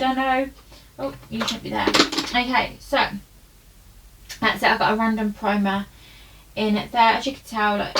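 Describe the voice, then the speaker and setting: A woman's voice: mid-range voice, a bit bright. A young woman talks in an easy, rambling way as she walks through her bedroom. Her voice sits mid-range and a little distant from the camera. A faint hiss runs under it. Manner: chatty, rambling, loose with fillers. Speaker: beauty vlogger. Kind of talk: casual room tour chat. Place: bedroom at home.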